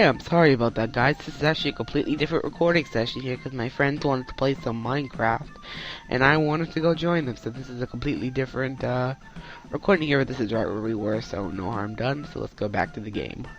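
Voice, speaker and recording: A man's voice: mid-range voice, fairly quick, highs cut off. A laid-back man narrating his own playthrough of an old game, with dry and self-deprecating asides. Faint game music sits behind his voice. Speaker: let's play host. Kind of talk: casual gameplay commentary.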